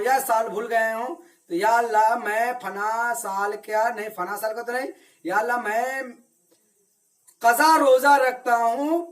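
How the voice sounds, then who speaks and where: A religious teacher with a very high, slightly bright male voice gives children an Arabic reading lesson. He's patient and repetitive, drilling slowly and quizzing the class, then supplying the answers himself.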